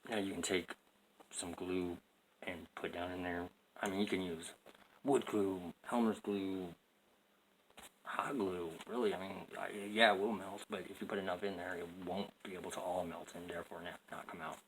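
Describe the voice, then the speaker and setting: A man's voice: low voice, fairly even intonation, normal speed. A man casually explaining a DIY wiring fix, rambling and joking at himself, in a noisy home recording. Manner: rambling, self-mocking, jokey. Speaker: DIY video maker.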